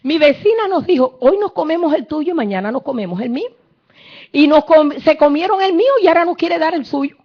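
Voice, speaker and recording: A woman's voice: animated, a little fast. A woman preacher voicing a weeping mother begging a king. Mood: pleading. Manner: high, pleading, crying out. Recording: dull lo-fi recording.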